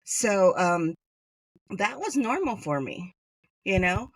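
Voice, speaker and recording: A woman's voice: mid-range voice, big pitch swings, takes it slowly, no echo. A middle-aged woman from Hawaii, a podcast guest chatting through personal stories with many fillers. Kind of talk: conversational storytelling interview.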